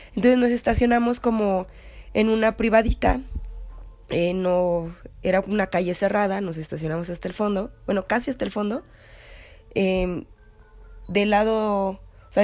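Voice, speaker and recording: A woman's voice: mid-range voice, a little mellow. A young woman with a Mexican accent casually recounting a personal anecdote, rambling with many fillers and self-corrections. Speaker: story contributor.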